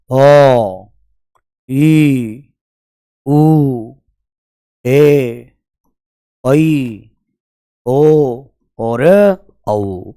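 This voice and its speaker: A man's voice: fairly high pitch, gravelly, no echo, clean studio sound. A man teaching grammar for exam prep. He asks questions, answers them himself and stretches out the vowel sounds. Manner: chatty, with jokes between the rules.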